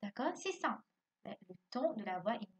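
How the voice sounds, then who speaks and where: A woman's voice: fairly high pitch, big pitch swings, moderate pace, slightly rough. A woman teacher giving a recorded lesson to young children, asking questions and answering them herself and spelling words out letter by letter. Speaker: primary school teacher. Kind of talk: recorded remote class lesson. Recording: dull lo-fi recording.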